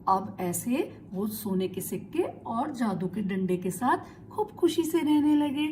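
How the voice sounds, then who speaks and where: A woman storyteller narrates a children's tale in simple, lively words. Her voice sits a little high, and a faint hiss lies under it. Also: slow.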